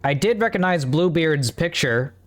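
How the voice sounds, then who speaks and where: A man's voice: a little high, expressive, moderate pace, faint music behind. A man streaming a story game, talking in a rambling, offhand way and swearing casually. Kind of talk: casual let's-play commentary.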